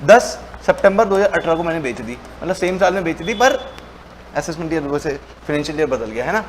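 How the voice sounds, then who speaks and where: A man with a fairly high voice teaches a commerce lesson. He plays both sides of the exchange, asking himself questions as the student and then answering them. A faint noise sits behind his voice. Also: expressive, fairly quick. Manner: colloquial, mixes Hindi with English terms. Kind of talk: lecture with role-played dialogue.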